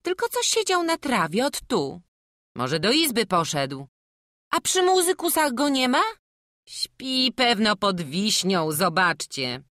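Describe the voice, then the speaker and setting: A woman reading an audiobook voices a brisk peasant woman, a village wedding guest with rustic folk speech. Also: mid-range voice, sing-song, fairly bright tone, dry recording, studio quality, pitched above the performer's own voice. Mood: coaxing.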